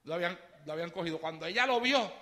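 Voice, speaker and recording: A man preaching a fiery sermon in a church, moving between hushed storytelling and shouted exclamations. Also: sits high, lively intonation, rapid-fire.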